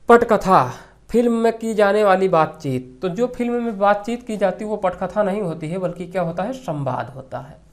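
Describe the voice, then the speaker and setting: Slow, deliberate Hindi grammar teacher. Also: medium pitch. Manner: repeats key phrases slowly and asks rhetorical questions. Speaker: Hindi exam-prep teacher. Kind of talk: classroom lecture explaining grammar questions.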